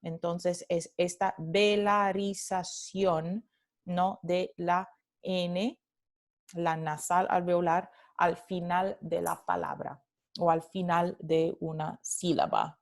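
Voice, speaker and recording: A woman gives a recorded Spanish phonetics lecture at a slow, unhurried pace. She moves between Spanish and English as she explains. She repeats example words aloud so students can hear them. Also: on the low side, little pitch movement. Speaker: Spanish language instructor.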